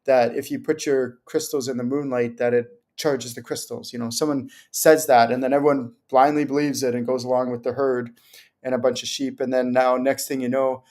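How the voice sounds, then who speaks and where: A man's voice: mid-range voice, level tone, fairly quick, a little mellow. Chatty man hosting a spiritual Q&A. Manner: loose, rambling explanations with acted-out anecdotes. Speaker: spiritual teacher hosting a Q&A show. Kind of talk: casual livestream talk.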